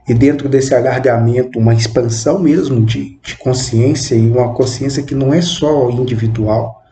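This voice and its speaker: A young man in his twenties speaks slowly in a mellow, soft-edged voice. His phrasing is halting and measured, and he keeps tossing in little questioning tags. The room sounds roomy and echoey, with a faint hum of background noise. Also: mid-range voice. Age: 20s. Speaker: channel host. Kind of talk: reflective spoken monologue.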